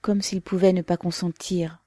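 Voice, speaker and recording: A woman voicing a loving, anxious older mother who speaks softly and with sighs. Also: on the low side, flat delivery, normal speed, dry recording, lightly acted. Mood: tender.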